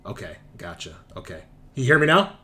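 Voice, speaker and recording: With a lowish, sing-song voice that sounds pushed and bright, a man leads a tabletop game as game master at a moderate pace. Speaking casually over a headset call, he often repeats phrases as he thinks, and background noise is clear.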